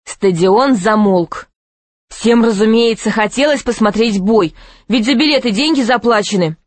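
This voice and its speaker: A woman's voice: a little high, measured pace, dry recording. Woman narrating a children's storybook. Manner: expressive, lively character reading. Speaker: audiobook narrator.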